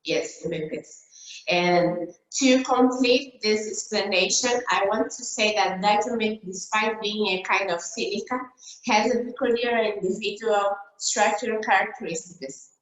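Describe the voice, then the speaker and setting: Woman, from Brazil, Portuguese native, conference talk over slides, halting with fillers, medium pitch, echoey room, video call. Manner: halting, many fillers and restarts. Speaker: dentist presenting a case report. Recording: roomy echo.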